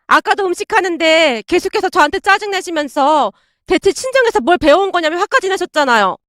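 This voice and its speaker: A woman's voice: extremely high pitch, expressive, brisk, fairly bright tone, no room sound, clean studio sound, pitched above the performer's own voice. A woman voicing a scheming young wife who accuses her mother-in-law in whiny, polite speech. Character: scheming two-faced young wife, falsely tearful.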